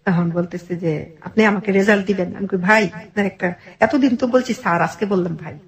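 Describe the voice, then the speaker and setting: A middle-aged woman with a Bangladeshi accent speaks fairly quickly at medium pitch. As an interview guest, she tells her life story earnestly and in detail, often quoting dialogue.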